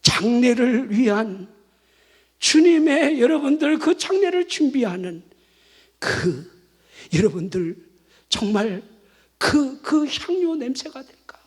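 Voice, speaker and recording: A male pastor delivers an animated sermon at a night church service in a strikingly high, husky voice. He swings his pitch widely, firing rhetorical questions and urging the congregation to shout along. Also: slow pace, long pauses. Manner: leads congregation in call-and-response shouts.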